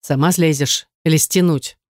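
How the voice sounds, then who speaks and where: Narrator voicing a gruff, growling young man. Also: medium pitch, steady tone, normal speed, no echo, clean studio sound, lightly acted. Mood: angry. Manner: growling, commanding. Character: gruff, hot-tempered young man, loud. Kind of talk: audiobook dialogue.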